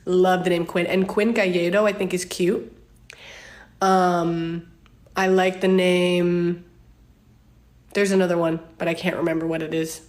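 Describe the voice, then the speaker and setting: A woman's voice: fairly low pitch, level tone, a little slow, long pauses, a little mellow. A woman in her twenties casually answering viewer questions to her phone, chatty and candid, with frequent ums and laughs. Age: 20s. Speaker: social media creator answering fan questions. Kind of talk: casual Q&A chat.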